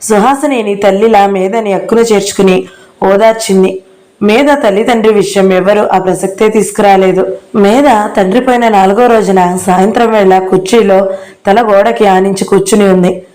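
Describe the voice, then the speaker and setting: A woman narrating a novel in a calm, unhurried way, her tone soft and mellow. She raises her voice a little when the characters speak. Her pitch sits in the middle range. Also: rough recording. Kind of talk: reading a novel aloud.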